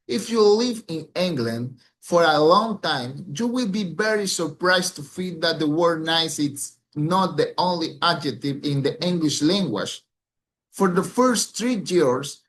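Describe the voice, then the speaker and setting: A man's voice: fairly high pitch, fairly bright tone. A man who is an English language student gives a recited exam presentation, speaking carefully with small slips and restarts.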